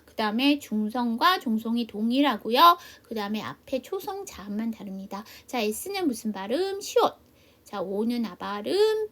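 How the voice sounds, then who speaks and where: A middle-aged woman teaching a basic English class, explaining patiently and slowly, spelling out letters. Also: a little high. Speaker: English teacher at a seniors' welfare center. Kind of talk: classroom lesson.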